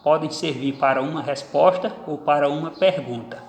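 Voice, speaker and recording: Man, teacher, grammar lesson, slightly high voice, deliberate stressed example words, reverberant room. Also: slight background noise. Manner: slow, deliberate, stresses each example word. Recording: echoey room with long reverb.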